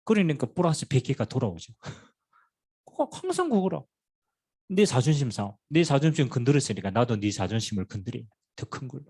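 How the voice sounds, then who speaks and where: A middle-aged pastor with a Gyeongsang accent preaches in a husky, slightly breathy voice. His pitch swings widely as he tells stories, and he fires rhetorical questions and light humor at his congregation. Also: sing-song, a little fast, a little mellow. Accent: Gyeongsang Korean. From Pohang, South Korea. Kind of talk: sermon.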